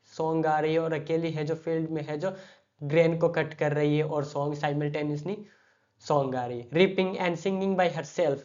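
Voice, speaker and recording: An Indian-accented teacher giving an exam-prep literature lecture, explaining slowly, repeating phrases and reciting poem lines. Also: mid-range voice, level tone, a little mellow, highs cut off.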